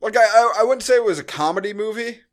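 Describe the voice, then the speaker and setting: An American man co-hosting a podcast chats casually about a film in a high voice at a fast clip. He is blunt, joking and sweary throughout.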